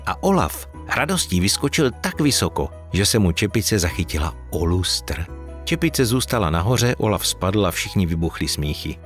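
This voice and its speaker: A man narrating a storybook with gentle, expressive reading. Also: low-pitched, soft background music.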